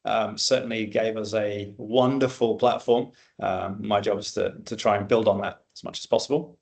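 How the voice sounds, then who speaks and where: Relaxed man talking on a webinar. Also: on the low side, normal speed, gravelly. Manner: relaxed, with frequent ums. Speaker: general manager of a coffee roastery. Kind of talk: webinar panel introduction. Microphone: video call.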